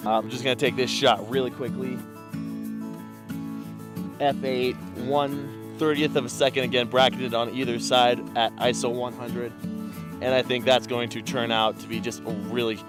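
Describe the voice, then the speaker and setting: At dawn beside a calm mountain lake, a landscape photographer explains his camera settings in a casual on-location vlog. His mid-range voice sounds congested from a cold, and his relaxed talk is full of fillers.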